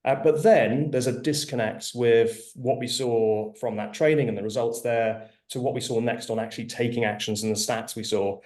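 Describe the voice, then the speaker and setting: Halting male webinar moderator, mid-pitched. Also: fairly even intonation, darkish tone. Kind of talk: informal hosting of an online panel.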